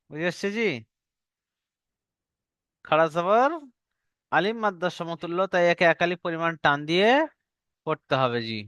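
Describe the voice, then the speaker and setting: A man's voice: sits high, fairly bright tone, smooth, no room sound, muffled recording. A man teaching Arabic letter reading in a recorded online lesson, patiently drilling the rules, asking learners to repeat after him, and stretching out letter sounds as he recites.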